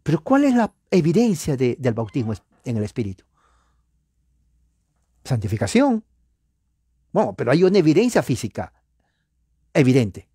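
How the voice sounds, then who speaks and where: A man lectures a class in a lively, swooping voice, firing rhetorical questions at his listeners. He sometimes counts items off aloud, dropping to a near whisper. The sound is dry and close, with no room around it. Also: medium pitch, moderate pace, pauses often, husky, no echo. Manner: animated, rhetorical questions to the audience. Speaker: lecturer on church history. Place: lives near Los Angeles.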